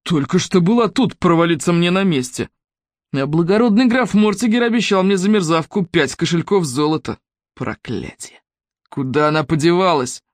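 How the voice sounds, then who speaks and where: A reader voicing a hoarse, vicious male henchman in an audiobook fairy tale, snarling roughly. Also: medium pitch, expressive, unhurried, no echo, clean studio sound, natural voice. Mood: furious. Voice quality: hoarse, wheezing.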